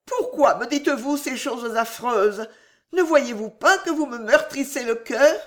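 A man voicing a gentle, tender young noblewoman who pleads softly and with emotion. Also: extremely high pitch, sing-song, moderate pace, pitched above the performer's own voice. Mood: pleading.

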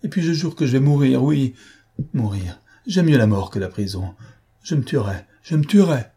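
A man voicing a hysterical, defiant woman accused of murder, with shrill pleading outbursts. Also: expressive, normal speed, mellow, breathy edge. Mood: desperate.

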